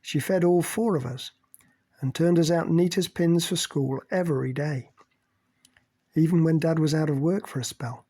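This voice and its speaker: A man's voice: a little high, normal speed, warm tone, slightly rough. A man voicing Ali, a proud, plain-spoken working-class woman who scolds, in an audiobook.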